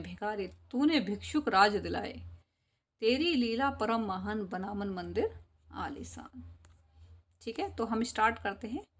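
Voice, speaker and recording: A woman teacher who sings a poem, then explains spelling slowly, repeating each word syllable by syllable. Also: on the high side. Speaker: school teacher.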